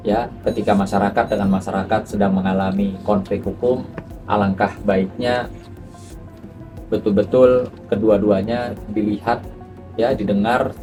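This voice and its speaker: A man, a lawyer, giving a measured press statement, repeating his points with a steady filler. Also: fairly low pitch. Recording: far from mic with music behind.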